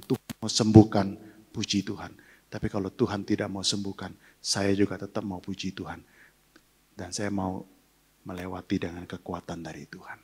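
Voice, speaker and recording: Older guy pastor, low husky voice, emotional testimony sermon. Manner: personal testimony, emotional, leads prayer.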